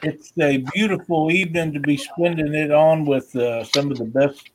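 A man's voice: fairly high pitch, fairly even intonation, moderate pace, crowd noise. A man hosting a casual live stream, upbeat and greeting viewers by name.

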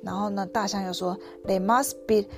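A woman voicing an anxious, gentle male elephant from a picture book, drawing out her words slowly. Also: mid-range voice, fairly even intonation, soft background music, close to an everyday voice. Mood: cheerful. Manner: slow, drawn-out storybook delivery.

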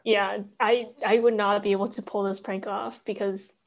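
A woman's voice: mid-range voice, level tone, moderate pace. A young woman co-hosting a casual chat, with playful, teasing reactions. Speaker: podcast co-host.

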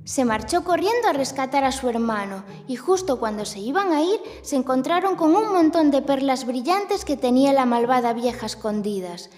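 A woman's voice: high voice, animated, normal speed, few pauses, a little mellow, long reverb tail. A woman speaking like a kids show host, narrating a scripted children's story to young listeners. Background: music.

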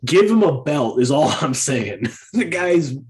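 A man co-hosting a casual podcast chat, laid-back and quick to laugh. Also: fairly high pitch, big pitch swings, darkish tone. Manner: laid-back, laughs often, jokingly plays a brash wrestler. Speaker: podcast co-host.

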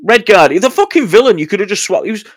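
Man, podcast co-host, animated and profane, dry close-mic sound. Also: high voice, fast, no echo. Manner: sweary, animated, stammering restarts. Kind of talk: casual chat.

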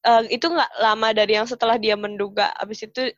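A woman's voice: a little high, steady tone, brisk, no echo, dull audio. A talkative young woman chatting casually on a podcast, laughing easily. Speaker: podcast co-host. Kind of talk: casual chat.

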